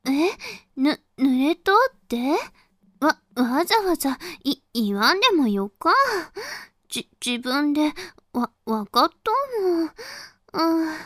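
A woman's voice: sits high, expressive, slow pace, fairly bright tone, no room sound, clean studio sound, heavily acted. A woman voicing a shy, flustered young woman who speaks in a Hakata accent, stammering with embarrassment. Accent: Hakata dialect.

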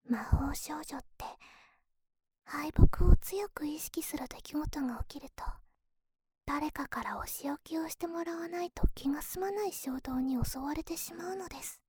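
A woman's voice: sits high, noisy background, natural voice. A woman playing a young, devoted magical-girl little sister in an intimate whispered role-play, speaking right in the listener's ear. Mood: intimate, confiding.

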